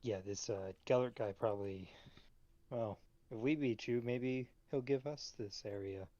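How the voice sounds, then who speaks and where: A man's voice: medium pitch, measured pace, warm tone. A man chatting casually as a tabletop game player, tentative and often trailing off, on a dull lo-fi recording.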